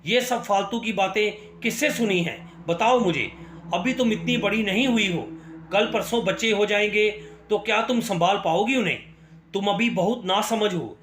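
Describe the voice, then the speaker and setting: A man's voice: high-pitched, moderate pace, a bit bright, roomy sound, a little hiss or hum. A man voicing an angry, domineering young husband who talks in a harsh, scolding way in a spoken story.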